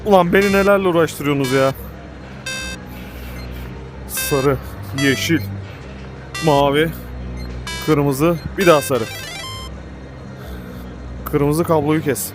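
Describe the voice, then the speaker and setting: A man giving excited, panicky commentary while playing a game, swearing and shouting at it. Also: a little high, slow pace, long pauses. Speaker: gaming YouTuber. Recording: game music playing behind.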